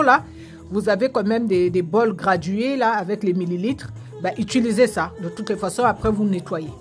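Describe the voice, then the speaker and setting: A woman giving casual home how-to tips, repeating steps with fillers and restarts. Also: mid-range voice. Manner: repetitive, many fillers and restarts.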